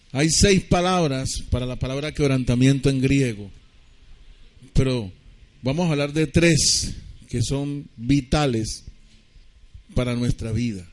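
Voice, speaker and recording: A male pastor delivers a sermon in a church. He talks in a loose, conversational way, putting questions to the congregation and slowly spelling out words for them. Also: medium pitch.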